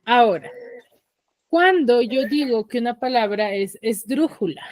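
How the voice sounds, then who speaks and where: A woman's voice: on the high side, lively intonation, a little slow, no echo, studio quality. A woman teaching an online class with a Peruvian Spanish accent, leading students through questions step by step. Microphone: computer mic on a video call.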